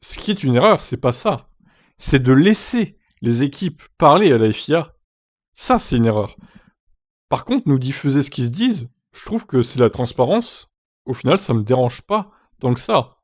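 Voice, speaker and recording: A man's voice: medium pitch, very animated, normal speed, darkish tone, no room sound. A man giving casual, opinionated commentary on sports news for his own channel, speaking in a blunt, colloquial way with some swearing.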